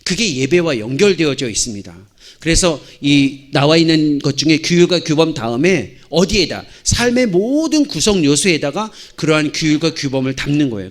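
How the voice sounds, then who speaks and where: A middle-aged man, a missionary pastor, giving a lecture-style sermon to church teachers in a church hall on a handheld mic, telling stories with animated acted-out dialogue. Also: a little high. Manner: animated storytelling, acting out shouts and dialogue.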